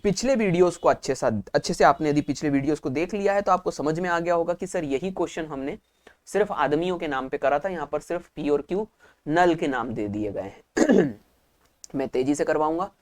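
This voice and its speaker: A man's voice: fairly high pitch, brisk. Guy teaching math for exams, asks a question then answers it himself, goes step by step. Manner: explains step by step, repeating key points. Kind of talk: math lesson for exam prep.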